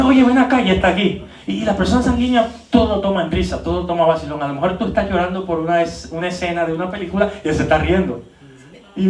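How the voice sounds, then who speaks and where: Man, preacher, animated teaching, rhetorical questions, roomy echo. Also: high voice, recorded from a distance. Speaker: preacher teaching a leadership training. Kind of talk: church teaching talk.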